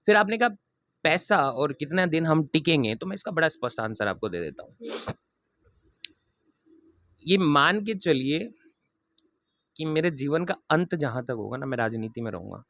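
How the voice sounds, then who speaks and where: A man's voice: mid-range voice, animated, fairly quick, vocal fry, hardly any pauses, fairly bright tone, no room sound. A man, answering interview questions in an earnest, emphatic way. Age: 20s. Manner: earnest and emphatic, repeats promises. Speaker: interviewee, local political candidate.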